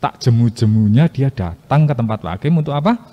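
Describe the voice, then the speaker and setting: A man telling a Bible story to children, lively and asking the listeners questions. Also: mid-range voice, fairly quick. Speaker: Sunday school teacher. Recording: muffled echoey hall.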